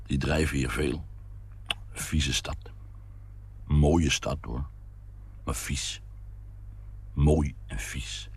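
A man's voice: rumbling low, fairly even intonation, very slow, long pauses, husky, full character voice. A man voicing a weary, wistful drinking man of about fifty who mumbles and rambles, humming to himself, in a read-aloud story.

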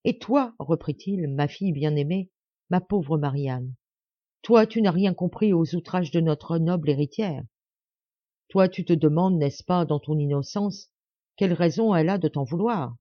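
A woman's voice: low voice, measured pace, no room sound. A bitter father seethes with menacing rage, as a woman reading an audiobook puts him on. His words carry a vengeful edge. The recording is dry and slightly dull. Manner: raging, menacing.

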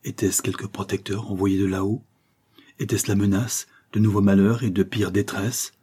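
A man narrating a novel as an audiobook in a measured, dramatic way. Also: fairly low pitch, little pitch movement, mellow, husky.

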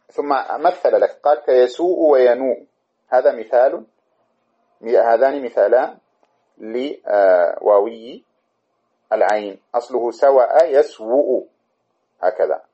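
A man giving a classical grammar lesson in a mid-pitched voice. He works through each point step by step, repeating and correcting himself as he goes. The recording is dull and lo-fi. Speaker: teacher. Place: study room with camera.

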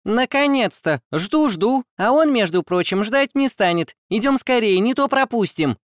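A male audiobook narrator voicing a tiny, fussy and nosy female fairy who rides an owl, chattering impatiently in a high squeaky put-on voice. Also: expressive, moderate pace, dry recording, clean studio sound. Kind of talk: audiobook character voice.

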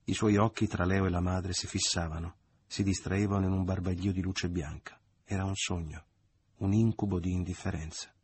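A man narrating a literary audiobook in a measured, deliberate reading. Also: sits low, steady tone, darkish tone, husky, no echo. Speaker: audiobook reader.

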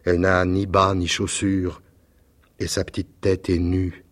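Storybook: man playing a solemn, kindly statue prince, low, slow and sorrowful. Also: completely flat delivery. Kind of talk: storybook reading.

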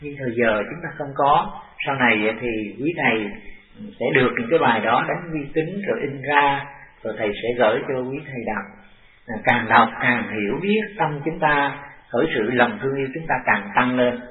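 An older man, a monk, giving a dharma talk to a class in a halting, deliberate way that repeats phrases. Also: medium pitch. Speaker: monk teacher. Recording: distant, echoey, tinny lo-fi tape.

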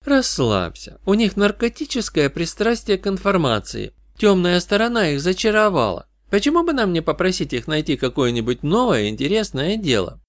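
A lively young woman who argues quickly and teases, as a man voices her. The voice is pitched high and light. It sits dry and close to the mic. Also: no echo. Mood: teasing.

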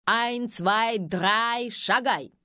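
A woman voicing a bossy young male film director who yells orders on set. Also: a little high, very slow, no echo, clean studio sound, exaggerated voice. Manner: yelling, barking orders.

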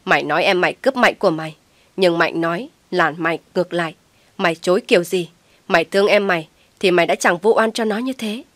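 A woman voicing a furious older mother-in-law who shouts and scolds harshly. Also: mid-range voice, lively intonation, normal speed, dry recording, close to an everyday voice. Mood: scornful shouting.

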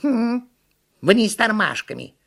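A man reading a storybook and voicing a bossy, excitable monkey with a squeaky, shrill voice. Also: slow, creaky, exaggerated voice. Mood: excited.

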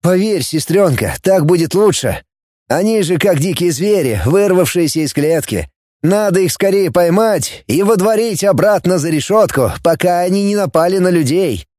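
A man's voice: high voice, animated, moderate pace, warm tone, dry recording, clean studio sound, pitched above the performer's own voice. A man reading an audiobook, voicing a young man who talks in a soothing, coaxing way. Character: young man, placating traitorous brother.

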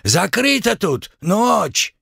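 A man playing an excitable, exclaiming male cemetery laborer. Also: high-pitched, extremely slow, vocal fry, slightly rough, no echo, clean studio sound, pitched above the performer's own voice, full character voice. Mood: excited.

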